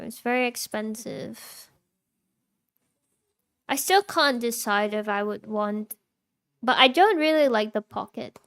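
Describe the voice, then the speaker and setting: A woman's voice: a little high, clear, resonant tone. A young woman streaming live, chatting casually with her viewers, reacting and laughing often while answering chat.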